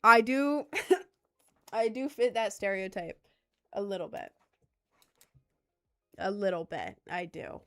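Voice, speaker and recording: Soft music plays behind this Maryland woman in her twenties as she rambles through a casual livestream chat with viewers, often putting herself down. She speaks slowly and expressively in a clear, resonant mid-range voice, pausing often. As a content creator, she carries a light Southern accent tinged with New York.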